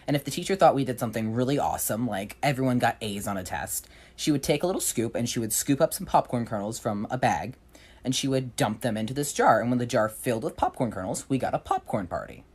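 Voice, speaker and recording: A woman's voice: a bass voice, big pitch swings, fast, a little mellow, slightly rough. A young adult woman telling personal stories in a casual storytime narration, blunt and profane.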